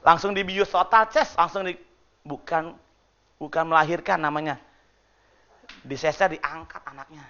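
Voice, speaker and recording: High, gravelly male preacher. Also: normal speed, long pauses, muffled recording. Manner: lively, joking with the congregation, acts out groaning voices. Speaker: pastor. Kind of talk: sermon. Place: church hall.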